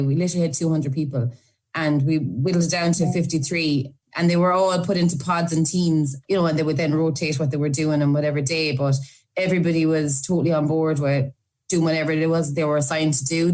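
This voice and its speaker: A woman's voice: deep voice, a little mellow. An Irish woman, an aid volunteer, recalling events in a chatty, run-on documentary interview. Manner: chatty, run-on storytelling with fillers.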